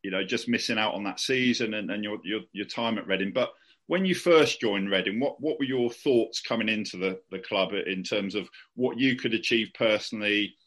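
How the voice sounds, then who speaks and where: A man's voice: lowish voice, moderate pace, fairly bright tone. A man hosting a podcast, asking long, chatty questions full of restarts and fillers. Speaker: podcast host. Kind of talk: casual podcast interview.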